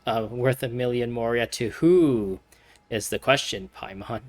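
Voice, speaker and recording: A woman giving casual, chatty commentary over a game playthrough, full of fillers and loud reactions. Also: extremely low pitch, unhurried, soft background music. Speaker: gameplay commentator.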